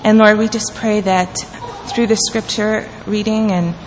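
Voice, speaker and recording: In a church sanctuary, a woman earnestly reads scripture and leads a prayer. Her mid-range voice is flat and a little slow, and the church hall reverb carries faint room noise.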